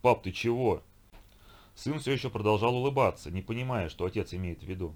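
A man narrating an audiobook in a steady, measured way. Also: lowish voice. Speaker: audiobook reader.

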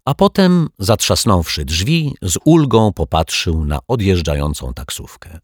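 A man narrating a children's audiobook in a calm, even storytelling manner on a close mic. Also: low voice, a little slow, dry recording. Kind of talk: scripted narration.

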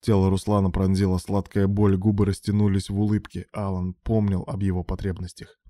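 A male narrator reads a romance story aloud in an even, measured way. His voice sits low, with a dark, mellow tone. The sound is dry and close to the mic. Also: no echo. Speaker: audiobook narrator.

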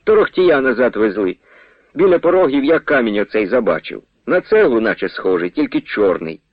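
A man's voice: mid-range voice, very animated, a little fast, no room sound. A man reading the lines of an old village peasant who tells a homely story. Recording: tinny phone-like radio sound.

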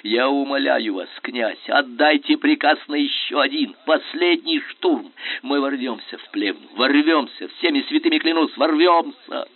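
A man's voice: fairly low pitch, animated, normal speed. Man voicing a fiery young general. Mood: pleading. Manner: impassioned, pleading, defiant. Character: fiery young male general, passionate and defiant. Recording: tinny phone-like radio sound.

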